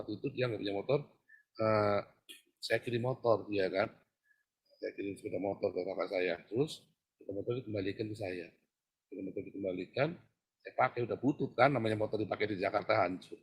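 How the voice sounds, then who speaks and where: A man preaching a sermon, swinging from hushed, prayer-like talk to loud, animated exhortation. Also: on the low side, slightly rough. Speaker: pastor.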